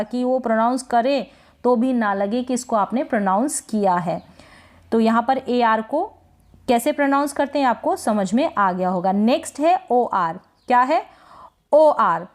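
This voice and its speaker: Teacher: woman, slightly high voice, slow and patient, stretches out each word. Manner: drawn-out demonstrations of each word; asks and answers her own questions. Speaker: English teacher. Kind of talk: slow spoken lesson.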